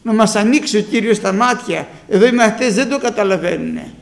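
Very high-voiced impassioned male preacher. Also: creaky. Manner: impassioned, swinging between hushed storytelling and fervent shouts. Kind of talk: sermon.

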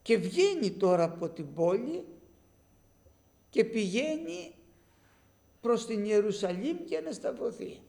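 A man's voice: high voice, sing-song, gravelly, long pauses, mellow. A man preaching a sermon, telling a story with animation and speaking directly to his listeners as brothers.

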